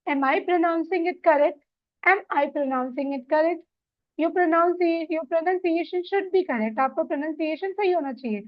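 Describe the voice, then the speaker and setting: A woman teaching English vocabulary in Hindi, running briskly through word lists and slowing down for the English example sentences. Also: high voice, highs cut off. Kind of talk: vocabulary lesson.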